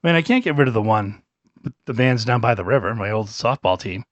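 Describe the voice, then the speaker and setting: A man co-hosting a casual podcast, joking and rambling with restarts, a little hoarse. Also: lowish voice, expressive, fairly quick, no room sound, lo-fi sound. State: clearing throat, losing his voice. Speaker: podcast co-host. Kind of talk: casual chat.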